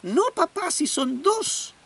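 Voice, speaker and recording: A man's voice: very high voice, very animated, takes it slowly, gravelly, fairly bright tone, far from the mic, voice pushed up, full character voice. A man voicing an eager, curious little boy of five who asks questions insistently.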